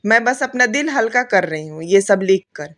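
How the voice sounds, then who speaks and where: A woman voicing a loving pregnant young wife, reading a heartfelt letter softly in a storybook narration. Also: mid-range voice, lively intonation, normal speed, natural voice. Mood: tender, sorrowful.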